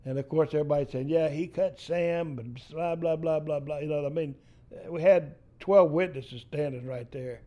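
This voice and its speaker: A man's voice: fairly high pitch, brisk, mellow, dull audio. An older man from East Texas with a Texan accent, telling a profane family story in casual storytelling style. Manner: salty, profane yarn-spinning.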